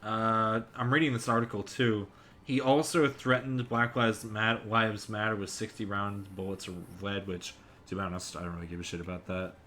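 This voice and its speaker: A man's voice: fairly low pitch, fairly even intonation, normal speed, sharp tone, a little hiss or hum. Rambling, profane male podcaster. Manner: rambling, profane, reads articles aloud. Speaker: podcast co-host. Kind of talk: casual podcast chat.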